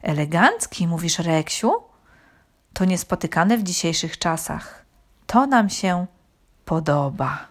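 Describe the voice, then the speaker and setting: A woman's voice: fairly low pitch, lively intonation, slow pace. A woman voicing a flock of easily offended hens in a children's story. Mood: pleased. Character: touchy, indignant flock of hens.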